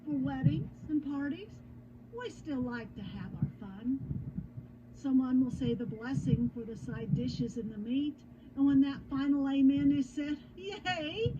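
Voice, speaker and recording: A woman reciting rhymed cowboy poetry in a measured, rhythmic delivery. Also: high voice. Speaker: cowboy poet. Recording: muffled lo-fi with clear background noise.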